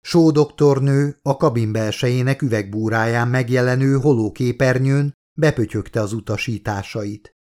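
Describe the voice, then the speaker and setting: Steady male audiobook narrator. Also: medium pitch, few pauses. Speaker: author reading his own book.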